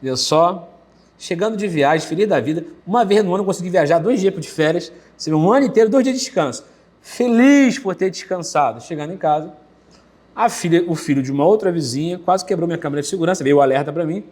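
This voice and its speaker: A Brazilian man with a Brazilian Portuguese accent preaches with lively, animated energy, telling vivid stories from his own life. His voice sits fairly high for a man, and he brightens it further when he acts out quoted lines. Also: quick pace. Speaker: pastor. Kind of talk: sermon.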